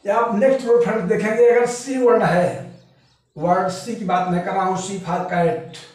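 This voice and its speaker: A man with a Hindi accent teaching an English pronunciation lesson, repeating each point, calling viewers his friends and spelling letters out slowly. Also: high voice, fairly even intonation, darkish tone, distant mic. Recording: very echoey room, voice from off-mic.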